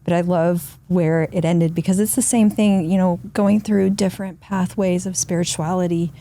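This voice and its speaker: A woman from Argentina, appearing as a guest in a casual podcast conversation, speaks reflectively in long, flowing sentences. Her voice is mellow and fairly low-pitched, with fairly even intonation and a moderate pace.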